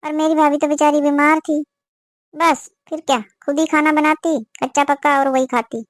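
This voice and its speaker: A woman's voice: sits high, flat delivery, normal speed, no room sound, studio quality, natural voice. A woman voicing an older, meddling village auntie who gossips and gives warnings in a cartoon. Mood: gossiping. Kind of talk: cartoon voice acting.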